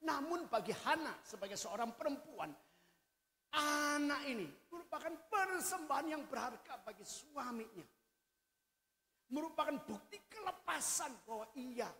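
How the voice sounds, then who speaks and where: A male pastor preaching a sermon, swinging between quiet and loud delivery. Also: very high voice. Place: hotel function room used for a church service. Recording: echoey hall reverb.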